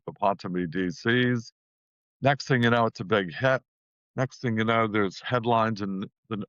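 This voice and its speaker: A man's voice: lowish voice, fairly bright tone, no echo. A middle-aged man from New Zealand, a guest musician telling his story in a rambling way and repeating phrases. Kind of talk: casual storytelling in an interview. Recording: dull, dry lo-fi sound.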